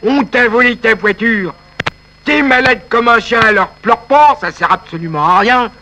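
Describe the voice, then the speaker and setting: A man's voice: extremely high pitch, moderate pace, sharp tone, poor audio. A man voicing a tactless fellow who mocks and fusses over a weeping friend in a comic sketch. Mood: blunt. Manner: bossy, mocking, fussing.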